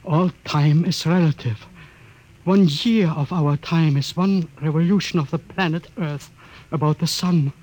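An actor playing a solemn, grieving scientist father in 1950s radio style, with deliberate dramatic pauses. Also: a little high, darkish tone, poor audio. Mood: grave. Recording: hissy old radio broadcast disc.

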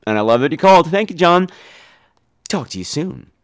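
A podcast host with a fairly high, sing-song voice talks at a normal speed in a casual chat that takes listener call-ins. He's theatrical and teasing, piling on exaggerated emphasis and a bit of profanity.

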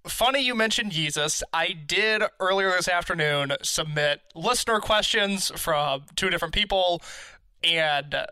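High, bright-voiced male podcast host. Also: unhurried, smooth, no room sound. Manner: wry, joking, chatty. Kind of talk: casual interview chat.

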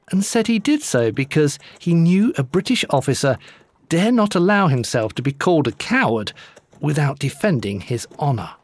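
A man reading old newspaper court reports aloud in a measured, lively way with dry wit. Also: mid-range voice, breathy edge. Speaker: narrator.

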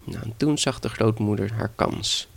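A man's voice: fairly low pitch, normal speed, creaky, slightly rough. A man casually retelling a fairy tale, with playful asides. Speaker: storyteller.

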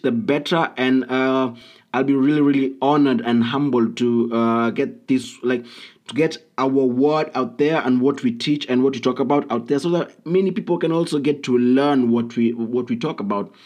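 A man's voice: mid-range voice, normal speed, darkish tone, lo-fi sound. Blunt man hosting a solo podcast. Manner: blunt, emphatic, with frequent ums and uhs. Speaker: podcast host. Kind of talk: casual solo podcast monologue.

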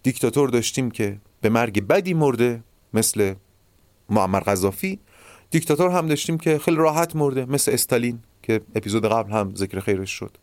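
Guy doing a solo podcast, close mic, dead dry sound, voice moves up and down a lot, explains stuff slowly and talks right to you. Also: mid-range voice, animated, a little mellow, no echo. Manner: measured, explanatory, addresses listeners directly. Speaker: podcast host. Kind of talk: solo philosophical podcast monologue.

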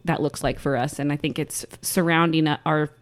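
A woman's voice: low voice, steady tone, brisk. A young woman, a new mother and guest, talking casually and chattily with frequent laughs and fillers. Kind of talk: casual podcast conversation.

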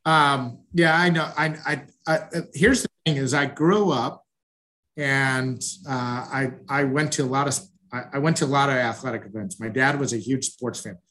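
A coach from Chicago's northwest suburbs appears as a guest in a casual interview over video call from home, sounding hesitant and friendly with many restarts. His medium-pitched voice is pushed and bright, with fairly even intonation at a moderate pace.

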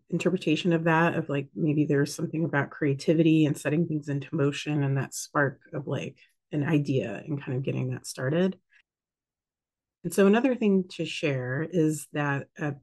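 A woman's voice: low-pitched, a little mellow. A woman hosting a casual spiritual talk, rambling with many fillers and restarts. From United States. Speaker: host.

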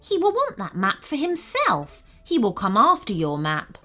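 A woman voicing a cautious unicorn in a storybook, speaking in a thoughtful, measured way. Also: a little high, wildly swooping pitch, sharp tone, faint music behind, full character voice. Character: the third unicorn, cautious wise creature.

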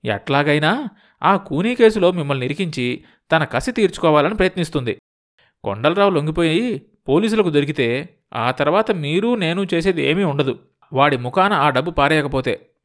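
A man voicing an anxious, scheming male go-between who talks in a hurried, pressing way. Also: fairly high pitch, expressive, natural voice.

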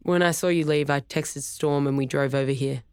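A practical, blunt young woman friend, as a narrator puts her on. She speaks quietly and plainly, close and dry, in the manner of an audiobook reading. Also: mid-range voice, steady tone, moderate pace, clean tone, no room sound, close to an everyday voice. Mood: hushed.

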